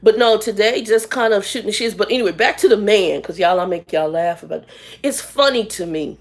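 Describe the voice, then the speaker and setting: A woman in her fifties telling a story to her viewers in a casual, animated way, often laughing. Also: mid-range voice, fairly quick. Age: 50s. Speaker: vlogger.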